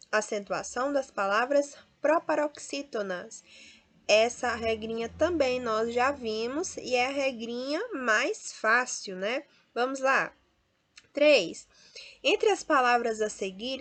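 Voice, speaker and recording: A woman's voice: fairly high pitch, fairly bright tone. Patient Brazilian woman teaching a class. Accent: Brazilian Portuguese. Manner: explains step by step, often adds tag questions; stresses and drawls out example words. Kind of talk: classroom lesson.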